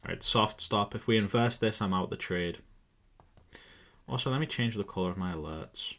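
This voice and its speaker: A young man with a somewhat low voice talks through a live stream in loose, casual commentary. He thinks aloud as he goes, sounds exasperated and swears freely. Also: normal speed, fairly bright tone. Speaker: live-streaming forex trader.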